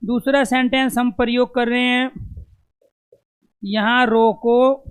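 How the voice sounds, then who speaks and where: A man's voice: extremely high pitch, fairly even intonation, slow pace, fairly bright tone, smooth. A man teaching an exam-prep lesson, who asks questions and answers them himself and repeats the key terms to drill them in.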